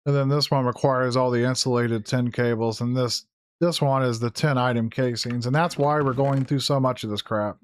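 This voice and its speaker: Thinking aloud through his gameplay, this male gaming YouTuber delivers loose Let's Play commentary full of fillers and self-corrections. The voice is hoarse and strained, ordinary in pitch, fairly even in intonation and moderate in pace. Nothing of the room comes through; the sound is close and dry.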